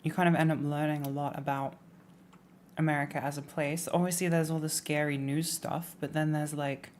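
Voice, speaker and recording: A casual livestream features a young woman from England whose low-pitched voice is a little mellow. She rambles with plenty of "likes" and "ums" and breaks into playful rants. Slight background noise can be heard.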